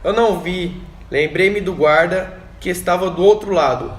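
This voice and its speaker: A man lightly acts the part of a worn-out, alarmed guerrilla fighter in an amateur radio drama, giving a shaken report in clipped phrases. His high-pitched voice moves at a normal speed, recorded in an echoey room with a little noise.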